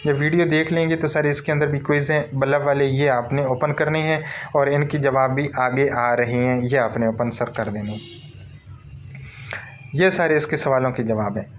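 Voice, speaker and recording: A man's voice: medium pitch, steady tone, moderate pace, a little hiss or hum. Man walking through a screen tutorial. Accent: Pakistani Urdu. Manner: repetitive, addresses listeners as sir. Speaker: online course tutor. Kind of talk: screen-recorded tutorial walkthrough.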